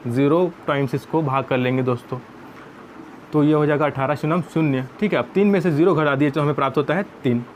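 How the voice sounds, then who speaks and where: A man's voice: on the high side, a little hiss or hum. Patient Hindi math teacher, man. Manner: patient, often addressing viewers as friends. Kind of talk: step-by-step classroom explanation.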